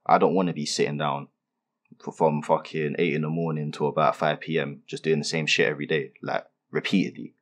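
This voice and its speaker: A man's voice: rumbling low, flat delivery, a little fast. A young man from London with a London accent, answering interview questions in laid-back street slang with lots of fillers. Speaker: rapper being interviewed.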